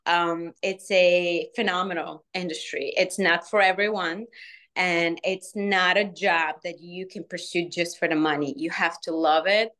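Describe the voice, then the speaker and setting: A woman in her forties from Bulgaria with a Bulgarian accent, answering interview questions earnestly with frequent "um" pauses. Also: fairly low pitch, steady tone, fairly bright tone. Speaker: alumna guest, restaurant manager.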